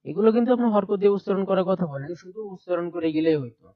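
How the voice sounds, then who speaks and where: A man's voice: high voice, expressive, rapid-fire, dry recording, highs cut off. A man teaching a primary class over a shared screen, explaining step by step and repeating letter sounds aloud. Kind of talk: screen-share textbook lesson.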